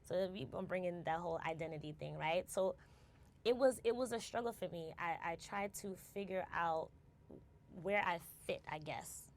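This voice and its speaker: An American company founder reflects during a casual interview, tagging phrases with "right?" and restarting words. Her voice is fairly low and her pace moderate.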